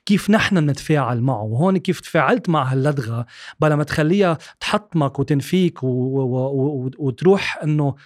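A man's voice: on the high side, expressive, fairly quick, no echo, clean studio sound. A man hosting a podcast interview, encouraging and coaching in tone. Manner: encouraging, with frequent "mm" backchannels.

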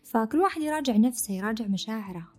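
A woman's voice: on the high side, animated, very fast, dark tone. A woman who co-hosts and counsels, giving direct advice in a podcast discussion. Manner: affirming, gives advice directly. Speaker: co-host and counselor.

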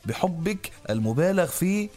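A man's voice: high-pitched, very animated, moderate pace, darkish tone, soft background music. A man with a Lebanese Arabic accent hosting a radio show in casual banter, teasing and challenging as he goes.

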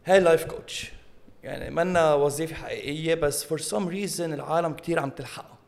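A man's voice: fairly high pitch, brisk, vocal fry, a little mellow. A man with a Lebanese Arabic accent in casual, humorous chat, telling stories with mocking mimicry and slipping in English phrases. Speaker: podcast co-host.

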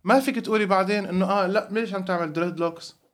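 A man's voice: high-pitched, very fast. A man with a Levantine Arabic accent chatting casually and bluntly as a podcast co-host, telling stories and dropping in some English. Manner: animated storytelling, mixing in some English. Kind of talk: casual opinionated chat.

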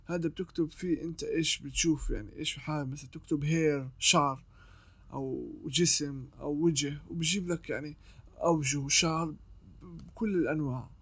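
A man's voice: on the high side, no room sound. A man, an artist giving casual advice on freelancing, explaining step by step and often restarting his sentences.

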